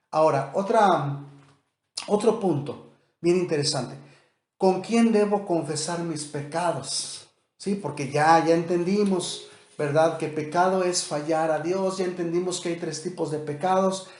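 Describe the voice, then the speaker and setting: A man delivers a sermon as pastor in a slightly raised voice. He talks to his listeners in a conversational way and keeps asking rhetorical questions. The room around him has a clear echo. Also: a little high, a little mellow.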